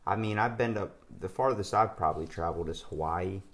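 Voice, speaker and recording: A man's voice: low voice, a little fast, slight background noise. Rambling young man hosting a podcast. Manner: rambling, filler-heavy, storytelling. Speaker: podcast host. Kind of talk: casual interview chat.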